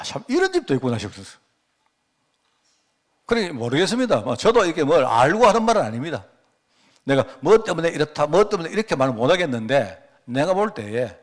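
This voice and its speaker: A middle-aged pastor preaches in church, his pitch a little raised and swinging widely as he tells a story. He keeps asking the congregation rhetorical questions and restarts his sentences as he goes. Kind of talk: sermon.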